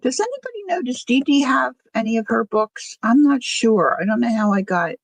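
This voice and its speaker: A woman's voice: on the high side, normal speed, creaky, no room sound, low-quality recording. An older woman chatting casually as a livestream host, rambling easily through asides, her words slightly slurred from missing front teeth. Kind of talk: casual chat.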